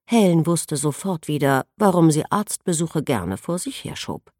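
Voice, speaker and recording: A woman reading a novel aloud as narrator, in an expressive storytelling manner. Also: low-pitched, measured pace, dry recording, studio quality. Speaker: audiobook narrator. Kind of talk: scripted narration.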